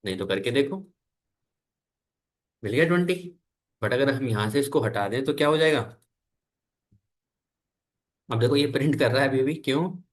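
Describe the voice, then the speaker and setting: A man teaches a programming lesson, pausing often to quiz his students and wait for them to answer. His voice sits at an ordinary middle pitch. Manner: asks the class questions and waits for answers. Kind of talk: classroom coding lesson.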